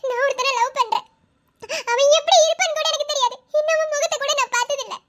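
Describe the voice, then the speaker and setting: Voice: very high voice, steady tone, fast, a bit bright, no echo, studio quality. A voice actor doing a tearful young cartoon bride. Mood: pleading. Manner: reading her farewell letter aloud, pleading.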